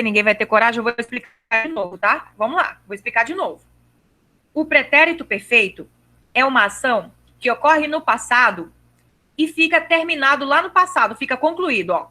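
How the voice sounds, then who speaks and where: This online grammar teacher speaks in a high, pushed, bright voice during a live video-call lesson. Patient and repetitive, she keeps checking her students have understood, slowing deliberately to emphasize verb endings.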